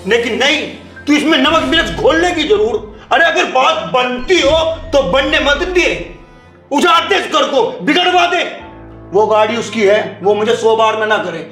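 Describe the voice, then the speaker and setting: Man as a very high-voiced elder brother, angry and commanding, roomy echo. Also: big pitch swings, normal speed, faint music behind. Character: elder brother, angry and scolding his wife. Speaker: actor in a family comedy skit. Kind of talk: scripted family comedy scene.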